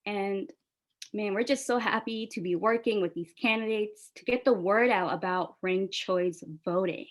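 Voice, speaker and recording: A New York City woman who speaks Bangla moderates a press call as an organizer, keeping things enthusiastic, casual and friendly. Her voice sits in the mid-range and moves at a moderate pace.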